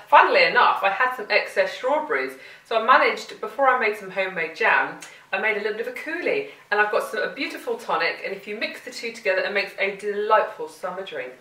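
Cooking in a home kitchen, a woman chats playfully and talks to the food during her demonstration. She speaks fairly quickly at medium pitch, sing-song with a sharp tone. The recording is roomy, with the mic placed far off.

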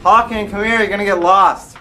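A man's voice: sits high, a little fast. A man vlogging playfully as he explores old castle tunnels with friends, talking to the camera. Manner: excited, playful narration to camera. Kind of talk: casual vlog chat.

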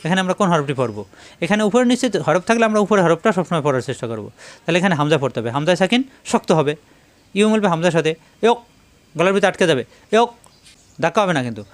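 A man's voice: on the high side, big pitch swings. A man teaching Quran recitation rules, patiently repeating each sound to show the difference. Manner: recites verses in slow drawn-out chant. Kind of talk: tajweed lesson.

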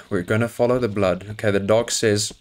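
A man's voice: lowish voice, steady tone, normal speed, soft background music. A man playing a horror game, joking nervously and chatting to his in-game dog as he goes. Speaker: gaming YouTuber. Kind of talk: horror game let's play commentary.

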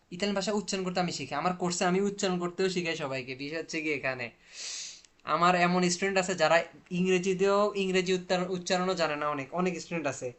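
High-voiced man teaching Italian. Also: fairly bright tone. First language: Bengali. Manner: repetitive, asks and answers his own questions. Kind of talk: explaining a dialogue line by line.

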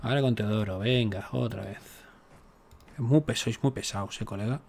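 A man's voice: lowish voice, normal speed, vocal fry, a little mellow, slight background noise. Joking man narrating his strategy game. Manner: chatty, joking, exasperated asides to the game. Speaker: gaming YouTuber. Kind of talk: casual let's-play commentary.

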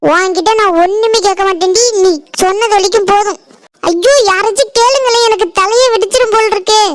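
In a cartoon, a gossipy village woman, voiced by a woman, begs anyone to hear her news. The voice is very high and shrill, with a whiny, pleading tone. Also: fairly even intonation, a little fast. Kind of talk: cartoon voice acting.

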